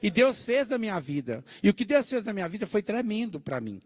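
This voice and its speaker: A middle-aged man preaching his testimony in a church, telling his story in an animated way and often turning to the congregation. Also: sits high, brisk. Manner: animated storytelling, acting out dialogue; addresses the congregation with "né" and "gente". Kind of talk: testimony sermon.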